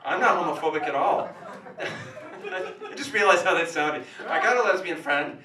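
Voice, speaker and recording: A man doing crude, self-mocking stand-up comedy in a small cafe, with a rough, wrecked voice. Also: high voice, huge pitch swings, normal speed, a crowd in the background. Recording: echoey room, distant mic, live music.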